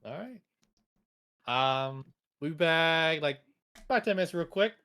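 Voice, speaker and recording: A man acting as game master, telling the scene in slow, hushed, theatrical narration and calling for dice rolls. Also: a little high, clear, resonant tone. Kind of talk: dramatic narration of a tabletop game.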